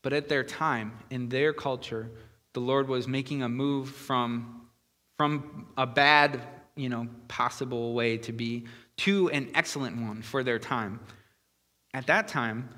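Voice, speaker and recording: Bright-voiced preacher in a reverberant hall. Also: male voice, medium pitch, a little slow. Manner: earnest, explanatory, with frequent fillers and restarts. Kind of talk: conversational sermon.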